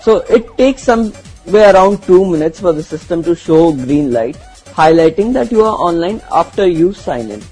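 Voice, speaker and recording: A man's voice: high voice, expressive, moderate pace, a little mellow, slightly rough, soft background music. A man with an Indian accent co-hosting a show with chatty banter, switching between languages. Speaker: co-host.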